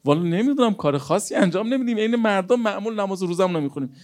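A modest housewife , as a male preacher puts her on, answers hesitantly and simply. The voice stays fairly high and everyday, with no real disguise. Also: expressive, a little mellow.

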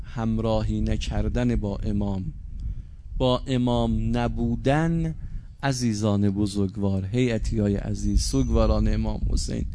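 A man preaching a Muharram night sermon to a mourning gathering. He starts soft and measured and builds to impassioned pleading, with repeated rhetorical questions. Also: lowish voice, fairly even intonation, a little hiss or hum.

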